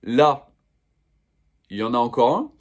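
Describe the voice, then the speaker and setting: A man's voice: mid-range voice, big pitch swings, unhurried. Casual young man chatting enthusiastically. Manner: enthusiastic, slangy, rambling with fillers. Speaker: manga vlogger. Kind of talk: casual unboxing chat.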